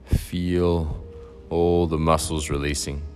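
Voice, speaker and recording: A man leading a guided meditation in a slow, soft and soothing way. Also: very deep voice, flat delivery. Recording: faint music behind.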